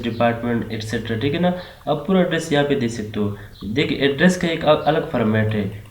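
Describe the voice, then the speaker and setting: Urdu-accented man teaching code, echoey room. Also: mid-range voice. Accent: Pakistani Urdu. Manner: repeats "theek hai na" as a tag, steady explaining. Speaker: programming tutor. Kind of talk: screen-recorded coding lesson. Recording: echoey room with faint hiss. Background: keyboard typing and mouse clicks.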